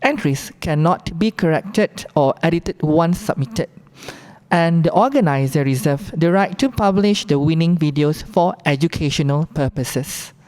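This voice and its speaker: Mellow, lowish Malaysian woman explaining rules. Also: measured pace. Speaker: competition briefing presenter.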